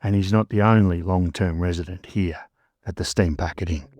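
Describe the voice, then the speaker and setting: A man's voice: sits low, fairly even intonation, normal speed, a little mellow. An Australian man narrating scripted ghost stories as a storyteller host, in a suspenseful, dramatic manner with short phrases.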